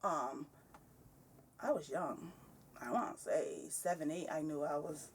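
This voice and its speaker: A woman in her thirties with a slightly low voice talks candidly and with energy, laughing often. She sits at some distance from the microphone. A faint hiss of room noise runs underneath. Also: animated, measured pace. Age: 30s. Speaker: podcast guest. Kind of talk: casual conversation.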